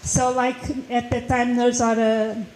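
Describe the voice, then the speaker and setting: A woman from the Azores, Portuguese her first language, speaks casually and haltingly on a panel. Her voice sits a bit high with a mellow tone. The room is echoey, with faint ambience. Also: little pitch movement. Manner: casual, halting, occasional laughs. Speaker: panelist, football association board member.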